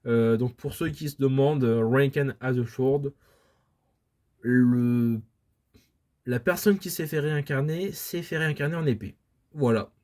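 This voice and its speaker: A man's voice: mid-range voice, measured pace, long pauses, darkish tone. A man chatting casually about his manga purchases, rambling with many hesitations and restarts, filming at home. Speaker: manga collector vlogger. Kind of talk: casual haul video chat. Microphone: camera filming books, speaker off-frame.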